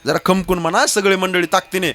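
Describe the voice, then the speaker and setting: A man's voice: high-pitched, fairly even intonation, fairly quick, music in the background. A man preaching a devotional kirtan sermon, declaiming and rousing the crowd.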